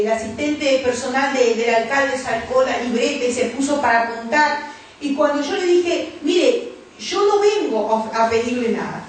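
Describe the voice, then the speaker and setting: High-voiced woman preaching in an echoey church. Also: a little hiss or hum. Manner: storytelling preacher acting out quoted voices. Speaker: pastor. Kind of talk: sermon. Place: church hall. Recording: echoey church hall from far off.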